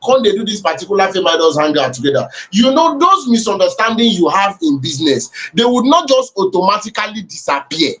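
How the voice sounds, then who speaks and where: This is a Nigerian-accented man with a notably high-pitched voice. He comments conversationally as a talk show co-host, moving back and forth between English and Nigerian Pidgin. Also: very animated, fairly quick, few pauses, fairly bright tone.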